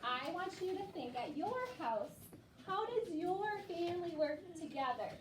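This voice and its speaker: Very high and expressive, a woman's voice proceeds at normal speed as she, a primary school teacher, leads young children in discussion, encouraging them and echoing their answers. The sound has room echo, distant miking, and plainly audible background noise.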